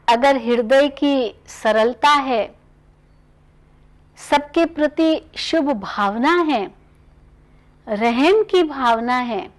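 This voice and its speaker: A woman giving a spiritual talk on values, gentle, measured and instructive. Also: high-pitched. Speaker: spiritual speaker.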